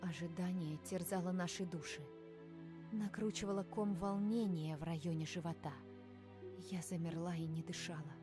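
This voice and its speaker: A woman's voice: lowish voice, fairly even intonation, moderate pace, over music, close to an everyday voice. A woman playing a young female adventurer, narrating her fantasy tale in a suspenseful, scripted style for a game. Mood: tense, suspenseful.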